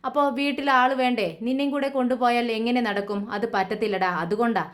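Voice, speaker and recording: A firm, kindly older man who settles family quarrels in a homespun serial retelling, read by a woman narrator. He scolds gently and matter-of-factly. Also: fairly high pitch, steady tone, quick pace, close to an everyday voice.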